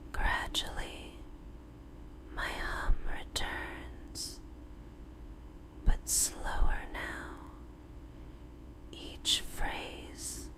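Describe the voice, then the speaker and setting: A woman in a whispered role-play as a tender, devoted girlfriend, speaking soothingly in a breathy, unvoiced whisper with drawn-out pauses. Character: tender, devoted girlfriend lulling her lover to sleep.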